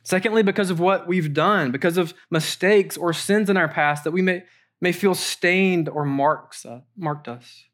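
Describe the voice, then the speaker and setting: A man preaching a sermon, earnest, slowing and softening for the quoted lines. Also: high-pitched. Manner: earnest, slows down for quoted lines and drops to near a whisper. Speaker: pastor.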